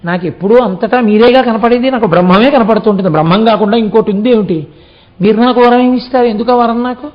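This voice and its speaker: A man voicing a serene male sage without desire, who calmly reasons through questions in a storytelling sermon. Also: high voice, quick pace, close to an everyday voice. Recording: dull lo-fi recording.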